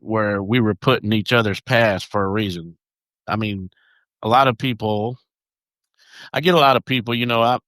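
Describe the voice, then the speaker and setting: A man's voice: lowish voice, fairly bright tone, no echo. A man with a Southern accent co-hosting a podcast, chatting casually and often restarting his words. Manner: halting, restarts words, loose. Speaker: podcast co-host. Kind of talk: casual chat.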